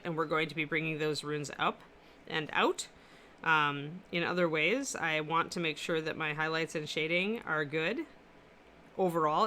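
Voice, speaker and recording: A woman with a low-ish, bright, forceful voice hosts a miniature painting livestream in her apartment. As she paints, she chats casually and answers viewers' comments, her powerful voice carrying well.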